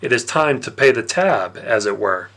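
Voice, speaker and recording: In a theatrical, condescending storybook style full of drawn-out emphasis, a man plays a plump, jovial god of wine and parties who hides menace beneath the cheer. His medium-pitched voice is expressive and fairly bright, carrying a smug, threatening mood.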